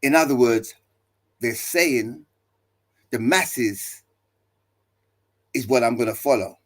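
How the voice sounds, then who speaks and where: A man's voice: medium pitch, takes it slowly. A male pastor preaching to listeners, building his points with emphatic repeated refrains and rhetorical questions. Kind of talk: preaching talk.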